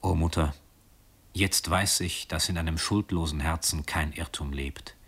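A man reading a story aloud, voicing a lovesick young nobleman in a hushed, earnest, yearning way. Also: rumbling low, a little slow, breathy edge, heavily acted. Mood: rapturous.

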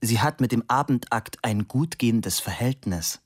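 A man's voice: medium pitch, expressive, normal speed, breathy edge, no echo, clean studio sound. A man voicing a teasing, languid young woman. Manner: teasing, sulky.

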